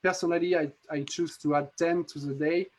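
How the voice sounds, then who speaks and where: A man with a French accent walks viewers through a magic trick on a live video call. His voice sits a little high, and he explains in halting bursts, restarting his sentences and filling gaps with "uh". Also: fairly even intonation. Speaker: app developer demonstrating a magic trick. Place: home in a city.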